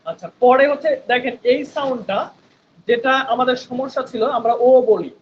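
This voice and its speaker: A man with a very high voice teaches a spoken English class online, heard through headphones on a video call with dull audio and a little hiss or hum. Patient and repetitive, he says sounds slowly and keeps checking in with "right?"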